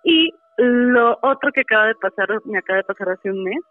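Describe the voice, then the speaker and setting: A woman caller with a slightly high voice, lively intonation and brisk pace tells a story in a casual, chatty way, full of fillers like "este". The tinny phone line carries music behind her, with no room sound.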